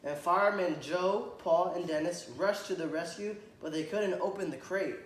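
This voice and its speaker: In an echoey room with faint background noise, a man with a high-sitting voice reads a children's picture book to a child at a moderate pace. He pauses to point at pictures and ask questions, and often clears his throat.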